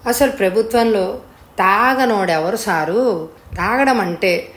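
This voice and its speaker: A woman voicing a lazy, drunk male rickshaw puller who answers in a slow, mocking drawl. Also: medium pitch, echoey room, close to an everyday voice. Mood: cheeky. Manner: slow, careless, teasing drawl.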